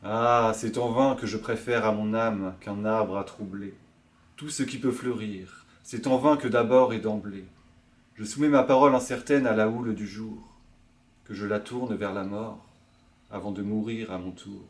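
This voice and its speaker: A male librarian reading a poem aloud in a quiet, hushed, measured way. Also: fairly low pitch, steady tone. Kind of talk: poetry reading.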